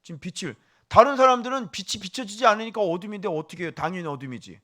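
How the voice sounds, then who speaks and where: A male pastor preaching a sermon, animated and firing questions at the congregation, dropping to a hush for asides. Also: high voice, fast.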